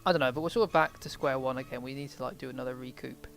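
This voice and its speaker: A man's voice: mid-range voice, steady tone, very fast, creaky, fairly bright tone, faint music behind. Man rambling over a strategy game. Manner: rambling, thinks aloud while playing. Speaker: game streamer. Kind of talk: let's play commentary.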